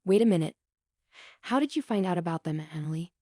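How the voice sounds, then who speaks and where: A woman's voice: fairly low pitch, animated, brisk, warm tone, no room sound, studio quality. A woman voicing a frustrated middle-aged father who speaks firmly and demands answers. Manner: firm, demanding questions.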